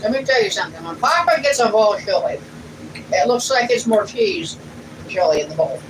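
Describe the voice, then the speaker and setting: A homey, plainspoken middle-aged woman, her voice pitched a bit high and sitting some way back from the microphone. She chats with family and reads out comments on a casual livestream, with steady background noise all around. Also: fairly quick. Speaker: channel co-host reading viewer comments. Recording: distant mic in a noisy room.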